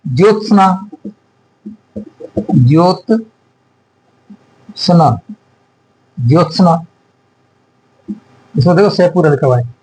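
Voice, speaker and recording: A man teaching an exam-prep grammar lesson, slowly repeating and dictating words for students to write. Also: fairly high pitch, a little mellow, rough recording.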